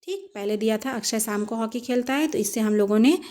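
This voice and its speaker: A young woman teaching an English lesson in Hindi, spelling words out letter by letter and reading English sentences out very slowly. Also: a little high, warm tone.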